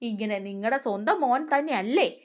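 A woman voicing a drunk, hurt son who pleads slowly and tearfully about being left out. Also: on the high side, lively intonation, natural voice. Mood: hurt, pleading. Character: grieving drunk man, hurt middle son.

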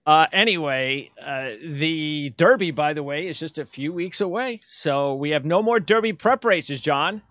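A man's voice: a little high, unhurried, hardly any pauses, a bit bright, no room sound. Chatty middle-aged man hosting horse racing chat. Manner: chatty, rambling with restarts. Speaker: podcast host. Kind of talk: casual sports chat. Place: home room, indoors.

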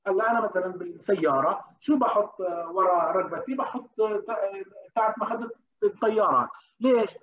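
A man delivers an interactive medical lecture in a high, quick voice. He throws questions to his students and stumbles through hesitations as he searches for terms. The recording is dull and lo-fi. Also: a little hiss or hum. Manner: questions the class, frequent hesitations.

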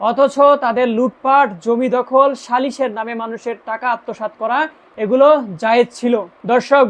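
A woman with a Bangladeshi accent presenting scripted news and commentary, addressing viewers directly in an emphatic way. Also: on the high side.

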